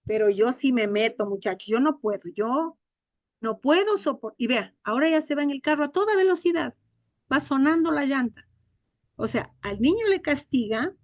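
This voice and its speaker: A woman's voice: fairly high pitch, no room sound. Earnest woman teacher lecturing. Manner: earnest, indignant storytelling. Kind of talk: online class lecture. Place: home.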